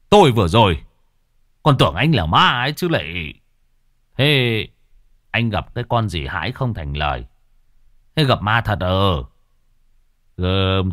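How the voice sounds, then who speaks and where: A rough middle-aged fisherman father, as a man puts him on, loud and cursing as he scolds. The voice leaps around in pitch and sits dry and close. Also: no echo. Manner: loud, scolding, coarse curses.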